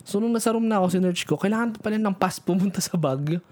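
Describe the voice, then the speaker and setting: A man's voice: high-pitched, fast, a little mellow. A tipsy man co-hosting a podcast, rambling through a travel story with frequent laughs and casual swearing. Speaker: podcast co-host.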